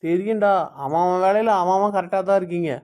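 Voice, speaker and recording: A man's voice: high voice, steady tone, quick pace, a little mellow, natural voice. A young man playing an easygoing, caring husband who chats with his wife and teases his friend, in an amateur family drama. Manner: easygoing, talkative.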